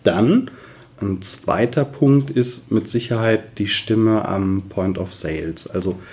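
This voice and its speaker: A man's voice: fairly low pitch, slow pace, darkish tone. A man working as a voice coach, explaining his work enthusiastically in a conversational interview.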